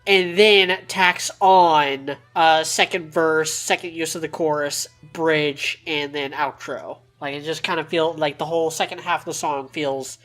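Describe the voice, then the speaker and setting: A woman co-hosting a casual chat, talking in a measured, analytical way with fillers. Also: deep voice, fairly even intonation, a bit bright, faint music behind. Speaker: podcast co-host.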